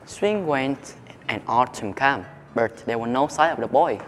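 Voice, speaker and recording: A man narrating a fairy tale in a slow, expressive reading. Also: mid-range voice, in a large hall, soft background music. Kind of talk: storytelling narration.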